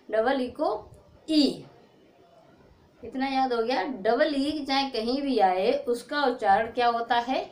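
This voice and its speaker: High-voiced woman teaching, echoey room. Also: darkish tone. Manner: repeats points as questions and answers them herself. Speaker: English teacher. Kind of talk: classroom-style lesson.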